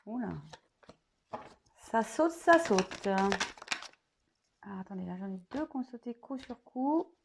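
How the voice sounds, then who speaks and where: Hoarse, gravelly woman reading tarot. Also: on the high side, lively intonation, slow, pauses often, background noise. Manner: chatty, many fillers and restarts. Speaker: tarot reader. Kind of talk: casual tarot reading to camera.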